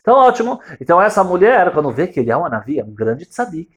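A man teaching a religious lesson as a story, animated and checking in with his listeners. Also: high voice, quick pace, breathy edge. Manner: animated, checks in with tag questions, swings loud and soft. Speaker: Torah teacher.

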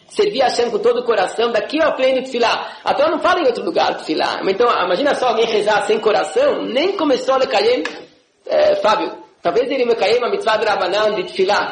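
A man giving a classroom religious lesson, animated and often checking in with his listeners. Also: high-pitched, gravelly, reverberant, slight background noise, rough recording. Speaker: religious teacher.

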